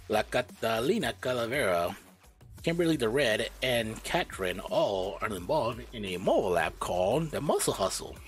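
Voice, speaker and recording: A man streams a wrestling game, calling out matches and kidding around with his chat even as his voice gives out. He's giggly and talkative, speaking at a measured pace in a medium pitch that swings widely, with soft music behind him. It's playful ring announcing mixed with commentary.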